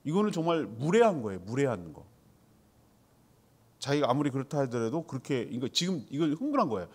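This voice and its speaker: A man's voice: medium pitch, very animated, fairly quick, slightly rough. A man preaching a sermon in a conversational way, asking the congregation questions and answering them himself. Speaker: pastor.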